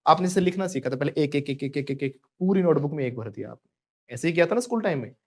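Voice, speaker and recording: A man with an Indian accent teaches a spoken English lesson, moving between Hindi and English and having students repeat phrases after him. His voice is fairly high and darkish in tone, and he speaks fast and animatedly.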